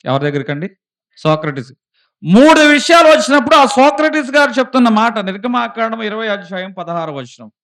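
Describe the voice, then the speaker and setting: A man's voice: very high-pitched, sing-song, a little fast, fairly bright tone. A man preaching a sermon as pastor, asking questions of his listeners and rising into emphatic bursts. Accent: Telugu. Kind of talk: Telugu sermon.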